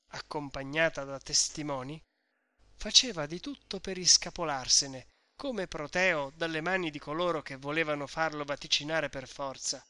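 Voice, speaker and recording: A man narrating a classic novel in a measured, storytelling manner. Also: a little high, sharp tone, dry recording. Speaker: audiobook narrator. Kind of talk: literary narration.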